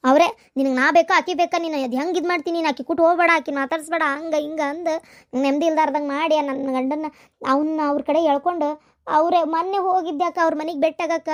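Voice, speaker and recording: A woman voicing a heartbroken young abandoned cartoon wife who complains plaintively, with a North Karnataka Kannada accent. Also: very high-pitched.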